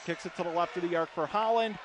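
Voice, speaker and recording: A high-pitched American man talks fast, delivering live radio play-by-play of a basketball game in short, urgent phrases from courtside at an indoor arena. Crowd noise, loud gym sounds, arena ambience, and bouncing balls are audible behind him.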